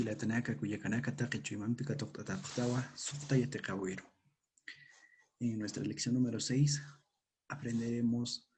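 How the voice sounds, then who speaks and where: A man's voice: mid-range voice, a little mellow. A man with a Peruvian Spanish accent teaching a language lesson, patiently repeating each word for learners to echo. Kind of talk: slow spoken language lesson.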